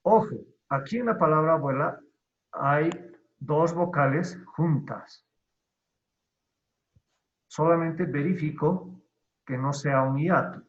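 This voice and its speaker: A man teaching an online class, explaining slowly step by step, his voice trailing off at the end of phrases. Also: fairly high pitch. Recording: dull lo-fi audio.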